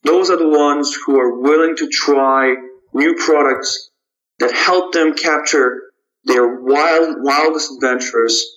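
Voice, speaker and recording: A man from Kazakhstan speaks slowly and deliberately as a guest founder on a podcast, often stopping to restart his phrases. His voice comes through a dull, lo-fi line. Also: fairly high pitch, fairly even intonation, fairly bright tone. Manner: halting, measured, frequent restarts. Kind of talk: podcast interview answers.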